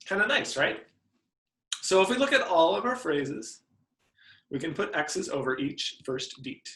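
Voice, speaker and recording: A man's voice: fairly high pitch, big pitch swings, measured pace, a bit bright. Man giving a piano lesson, echoey room. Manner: friendly explanatory, hums melodies. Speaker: piano teacher. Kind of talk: instructional video lesson.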